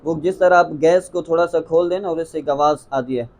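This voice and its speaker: A man with a Pakistani Urdu accent teaching a tajweed lesson, drilling letter sounds slowly and repeating each one for the viewer. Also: fairly high pitch, darkish tone. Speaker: Quran recitation teacher.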